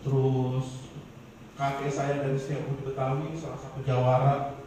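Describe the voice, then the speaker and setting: A man from Bandung giving testimony in a casual interview, hesitant, repeating words and filling pauses. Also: medium pitch, little pitch movement, mellow. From Indonesia, Bandung. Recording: roomy echo from far off with faint noise.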